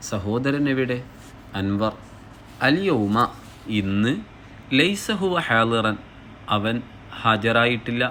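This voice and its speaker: A man's voice: fairly low pitch, a bit bright, slight background noise. A man teaching a language lesson, reading each short phrase and then translating it, explaining step by step in a patient way. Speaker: Arabic teacher. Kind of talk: slow classroom explanation.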